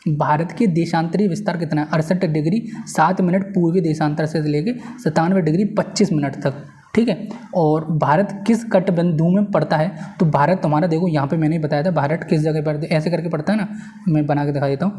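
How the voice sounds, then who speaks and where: A warm-toned, slightly high male voice leads an informal lecture at a board for exam preparation. The teacher repeats his main points and often drops in tag phrases to check that listeners are following.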